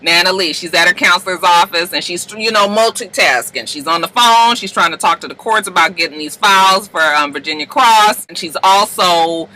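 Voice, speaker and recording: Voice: mid-range voice, moderate pace, few pauses, bright, forceful tone, low-quality recording. A recapper retelling a TV episode in casual, sassy slang, acting out the characters' lines and tagging on "okay". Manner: sassy and slangy, acts out quotes, keeps adding "okay".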